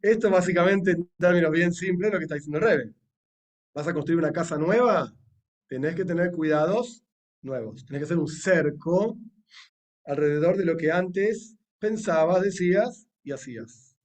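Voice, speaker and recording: Argentine man, rabbi giving a casual Torah lesson; slightly high voice, chatty and wry, recorded a bit off-mic. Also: normal speed, a little mellow, distant mic. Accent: Argentine Spanish. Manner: chatty and joking, with wry asides. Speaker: rabbi teaching a Torah class.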